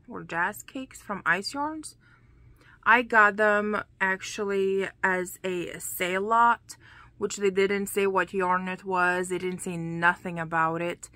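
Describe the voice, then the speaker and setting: A woman's voice: mid-range voice, bright, forceful tone, dry recording. A woman crochet vlogger chatting casually to her camera at home, rambling and sometimes dropping to a whisper. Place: home room, dim.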